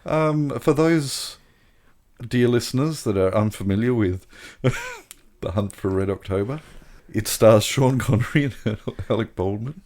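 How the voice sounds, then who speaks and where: A man co-hosting a podcast in casual chat, halting with restarts and chuckles. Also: medium pitch, expressive, darkish tone. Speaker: podcast co-host.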